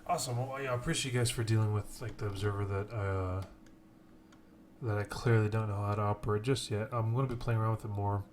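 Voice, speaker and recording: On a casual late-night live stream, a man casts an esports tournament in a lowish, fairly even voice, talking fast. He's chatty, self-deprecating and apologizes a lot, with clear keyboard typing behind him.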